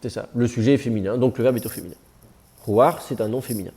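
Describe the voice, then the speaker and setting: Teaching biblical Hebrew to his class, a man speaks in a mid-range, mellow voice with a breathy edge and a quick pace. His lecture drifts conversationally, sprinkled with jokes.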